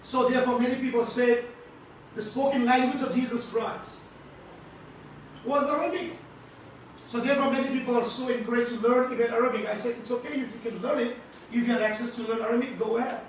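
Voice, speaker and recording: A man's voice: very high-pitched, fairly even intonation, a little fast. A man with an Indian English accent preaching a sermon, emphatic and repetitive, calling on the congregation to answer him. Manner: emphatic, repeats phrases, asks congregation to respond. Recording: very echoey hall, from far off, faint noise.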